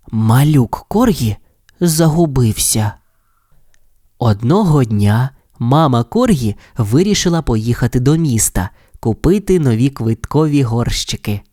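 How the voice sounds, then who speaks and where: Bedtime story narrator, really lively sing-song delivery, mid pitch, dry close mic. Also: no room sound. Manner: expressive, lilting storytelling. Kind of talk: children's audio fairy tale narration.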